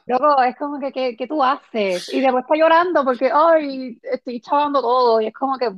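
A woman's voice: sits high, brisk, dry recording, dull audio. A young woman, chatting wryly on a podcast and switching into English. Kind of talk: casual chat.

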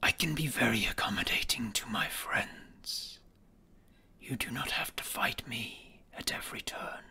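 Whispering, menacing winged serpent lord. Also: male voice, medium pitch, animated, bright, forceful tone, exaggerated voice. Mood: menacing, coaxing. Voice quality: breathy, hissing whisper. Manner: slow, controlled, menacing persuasion. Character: menacing male winged serpent lord, coldly coaxing and threatening. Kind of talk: whispered role-play.

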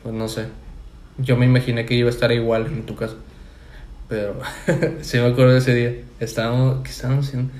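A man's voice: mid-range voice, flat delivery, a little fast, long pauses, darkish tone, reverberant. A young man with a Mexican Spanish accent, co-hosting a casual podcast chat in a laid-back, slangy way, often restarting his words. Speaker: podcast co-host.

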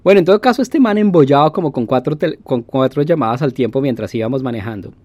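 Man, casual storyteller, animated, plays out voices and sound effects, dry close recording. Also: mid-range voice, fast, no room sound.

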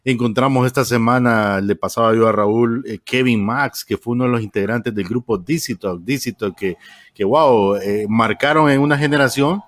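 A Honduran man with a mid-range voice talks on a casual panel, recorded in a dry studio without echo. He speaks Honduran Spanish in a rambling, halting way, peppered with "eh" and false starts.

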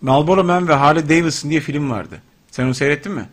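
Man, radio co-host, husky voice, crude teasing, casual banter. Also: on the high side, fast. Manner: teasing, crude, laughs often.

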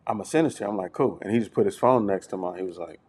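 Low-voiced man telling stories on a podcast. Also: very fast, darkish tone, husky. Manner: storytelling, repeats words, often says "you know what I'm saying". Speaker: podcast co-host. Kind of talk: casual group chat.

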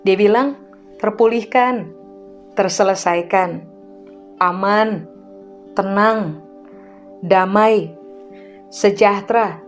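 Woman pastor preaching over soft music. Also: mid-range voice. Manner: teaching, enumerating points, asks the congregation to repeat. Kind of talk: sermon.

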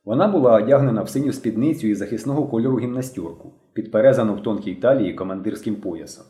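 Male audiobook narrator, lively storytelling, mellow dark tone, roomy echo. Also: lowish voice, fast. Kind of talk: scripted narration.

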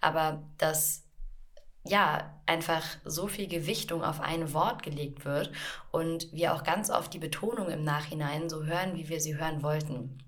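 A woman with a notably low voice co-hosting a relaxed podcast conversation. She explains with animated examples, often slipping into acted-out inner voices. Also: measured pace. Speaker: podcast co-host, coach.

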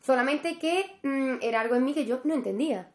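A young woman chats on a podcast and slips into the voices of the people she quotes. Her voice sits a little high. The room gives it a roomy echo. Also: brisk. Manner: animated storyteller, acts out quoted dialogue. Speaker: podcast co-host. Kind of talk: casual chat, storytelling.

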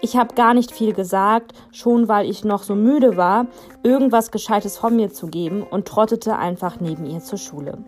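Woman reading a kids' story aloud, lively, soft music under it. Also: medium pitch, normal speed. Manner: lively, voices the characters' dialogue. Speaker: audiobook narrator. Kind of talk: storybook narration.

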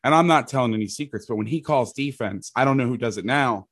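A middle-aged football coach explains defensive schemes on a casual podcast, talking loudly and quickly at an ordinary middle pitch for a man. He rambles, restarts sentences and swears mildly now and then. The sound is close and dry with no room around it.

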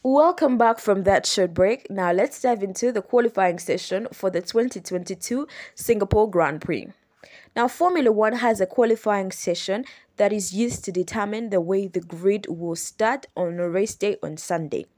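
Patient woman explaining rules slowly. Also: mid-range voice, a little mellow. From Uganda. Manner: patient step-by-step explaining, repeating and correcting herself. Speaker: podcast host. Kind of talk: explanatory solo podcast.

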